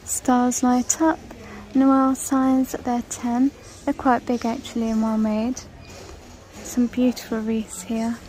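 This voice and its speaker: A woman's voice: a little high, little pitch movement, takes it slowly, mellow, poor audio. A woman casually walking through a large store, chatting and listing prices as she films on her phone. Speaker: shopping vlogger. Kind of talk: casual shop-with-me walkthrough. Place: large indoor retail store. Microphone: handheld phone camera.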